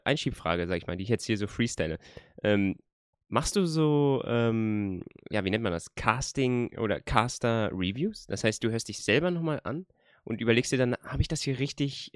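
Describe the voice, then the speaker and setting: A man's voice: medium pitch, no echo, clean studio sound. A man hosting a casual chat, enthusiastic and colloquial as he asks his questions.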